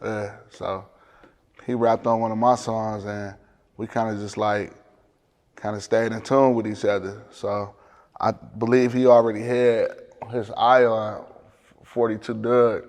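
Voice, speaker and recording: A man's voice: lowish voice, little pitch movement, unhurried, a little mellow, in a large hall. A man with a Detroit accent chatting casually as an interview guest, with slangy, profane, streetwise phrasing. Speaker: music producer, interview guest. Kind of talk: casual chat.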